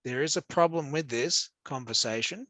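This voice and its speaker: A man's voice: on the high side, normal speed, sharp tone, no echo. An Australian man teaching an interactive class, upbeat and joking as he hands out quiz points to encourage his students.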